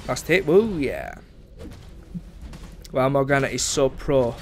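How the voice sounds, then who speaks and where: A young man talks through his own match at a desk mic, chatty and sarcastic, with a middle-pitched voice. There is a faint hum of room ambience behind him. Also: big pitch swings, takes it slowly, darkish tone. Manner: chatty, sarcastic, mocks teammates, frequent ums. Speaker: gameplay commentator. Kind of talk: casual game commentary.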